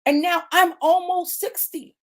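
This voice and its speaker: Her voice very high, steady in tone and measured in pace, a woman in her late fifties preaches a motivational sermon. She repeats herself for emphasis and addresses the audience as "y'all" and "baby."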